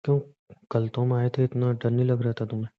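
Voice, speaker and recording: A man's voice: mid-range voice, completely flat delivery, a little fast, lo-fi sound, close to an everyday voice. A man playing a stressed young husband who insists and reassures, sometimes flustered, in a scripted audio drama. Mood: insistent. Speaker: husband in a phone-call drama.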